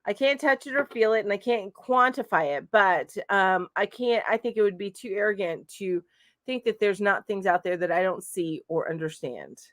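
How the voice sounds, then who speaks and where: A woman's voice: mid-range voice, animated, normal speed, dry recording, studio quality. A middle-aged woman hosting a live chat stream from home, casually reading out viewer comments and responding with lots of fillers. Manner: chatty, reads comments aloud with frequent fillers. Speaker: crochet channel host.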